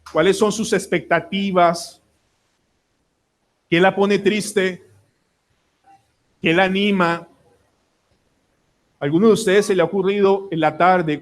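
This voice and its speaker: A Colombian man preaching from the pulpit with a high voice. He is earnest and keeps putting questions to the congregation as he goes. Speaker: pastor. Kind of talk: sermon.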